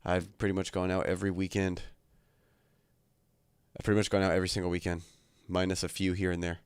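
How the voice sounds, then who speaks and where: Brisk and monotone, this low, clear, resonant voice comes through with no room sound. The young livestream host chats from his bedroom in a laid-back, crude, joking style, a little congested from a cold.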